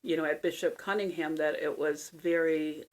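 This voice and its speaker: Lowish woman host, calm measured explaining about dreams. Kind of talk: counseling interview.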